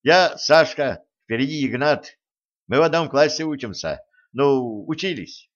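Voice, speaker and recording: A man's voice: medium pitch, lively intonation, measured pace, muffled recording, pitched above the performer's own voice, lightly acted. A man putting on a thin, breaking boy's voice. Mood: earnest. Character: fourteen-year-old village boy, earnest and brave.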